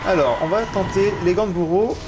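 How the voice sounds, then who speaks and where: A French man casually commenting on a video game he is streaming, chatty and excitable. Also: high-pitched, a little fast, background noise. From France. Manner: chatty, excitable, swears at setbacks.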